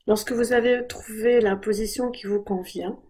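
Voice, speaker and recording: Calm and unhurried, a woman talks listeners through a body scan meditation with gentle instructions. Her breathy, soft voice is fairly high in pitch.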